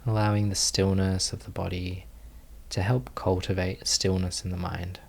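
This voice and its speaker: A man whose voice sits low and sounds creaky leads a guided meditation as a teacher. He speaks in a gentle, calm, unhurried way, pausing for a long time between phrases.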